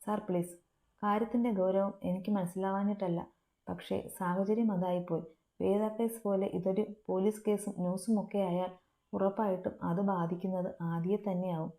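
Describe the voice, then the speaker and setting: A woman's voice: medium pitch, steady tone, normal speed, dark tone, close to an everyday voice. A woman voicing an anxious young man who pleads urgently, in a story reading. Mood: pleading. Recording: roomy echo.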